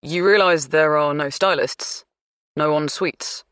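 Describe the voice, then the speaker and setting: A woman reading an audiobook, voicing an earnest, easily flustered male detective who asks halting questions. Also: sits low, a bit bright, clean tone, dry recording. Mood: probing.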